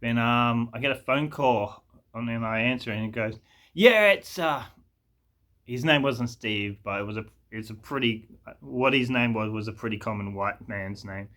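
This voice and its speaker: A man's voice: medium pitch, fairly even intonation, moderate pace, a bit bright. A man telling a story in a casual, rambling way, full of fillers and restarts.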